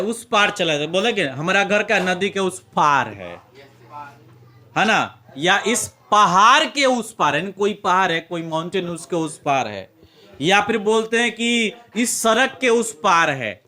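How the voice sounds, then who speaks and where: Male physics teacher, Bihari Hindi accent, high and bright, coaxing a classroom to repeat terms. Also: expressive, a little slow. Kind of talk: classroom lecture with demonstration. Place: classroom with students.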